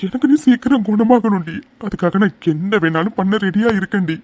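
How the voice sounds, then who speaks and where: Woman voicing a devoted young cartoon hero, mellow mid-pitched voice, earnest and insistent. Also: a little fast, close to an everyday voice. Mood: determined. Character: young man, stubborn and devoted.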